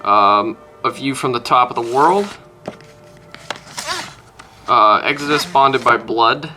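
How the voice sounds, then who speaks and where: A man's voice: medium pitch, takes it slowly, pushed and bright, faint music behind. A man chatting casually at home, rambling through a list and swearing offhand. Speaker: music collector vlogger. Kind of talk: casual chat listing albums. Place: room at home, close to a wall.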